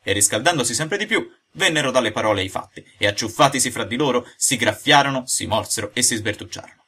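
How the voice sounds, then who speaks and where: A man reading a classic tale aloud in lively scripted narration. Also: mid-range voice, fast, breathy edge. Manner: lively storytelling delivery. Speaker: audiobook reader.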